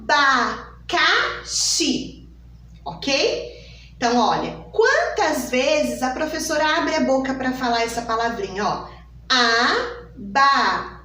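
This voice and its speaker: A woman teacher, giving a phonics lesson for small children and drawing each word out slowly in an exaggerated sing-song way. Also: sits high, sing-song, far from the mic. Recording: echoey room, voice from off the mic.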